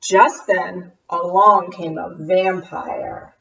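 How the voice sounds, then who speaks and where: A woman reading a picture book aloud in an expressive storytelling voice. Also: lowish voice, extremely slow, vocal fry. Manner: expressive read-aloud, leaning on repetition. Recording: roomy, distant, dull sound.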